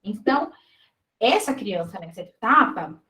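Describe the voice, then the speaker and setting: A woman's voice: mid-range voice, animated, measured pace, bright, forceful tone, reverberant, low-quality recording. A woman teaching an exam-prep lesson in Brazilian Portuguese. She explains step by step and keeps checking in with her students. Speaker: teacher reviewing exam questions.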